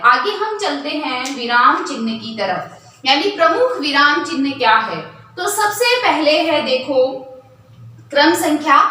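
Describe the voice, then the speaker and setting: A Hindi teacher with a high, pushed, bright voice runs a classroom lesson, posing questions and then answering them herself. She's recorded from afar in an echoey room with a faint hiss.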